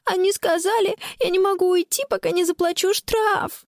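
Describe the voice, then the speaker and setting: A woman voicing a frightened schoolgirl who sobs and pleads slowly down a phone line. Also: very high-pitched, steady tone, dry recording, studio quality, pitched above the performer's own voice. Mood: upset. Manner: tearful, pleading, slow.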